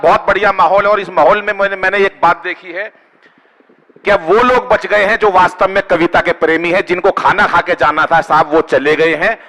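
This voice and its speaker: A man's voice: sits high, bright, forceful tone, big-room sound. A man doing comic poetry at a stage poetry gathering, teasing the audience and asking them for applause. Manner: bantering with the audience, asks for applause. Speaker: stand-up poet. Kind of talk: kavi sammelan comic poetry.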